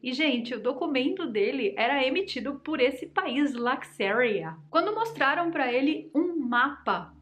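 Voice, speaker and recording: Here the young Brazilian host's voice sits high and sounds fairly bright and animated; she talks unhurriedly yet with hardly any pauses. Chatty and dramatic, she tells mystery stories straight to her viewers in a Brazilian Portuguese accent.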